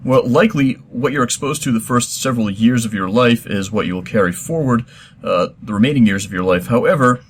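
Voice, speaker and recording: A middle-aged man hosting a comedy show, answering listener questions in a deadpan, mock-serious, rambling way. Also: mid-range voice, a little fast, a little hiss or hum. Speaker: host.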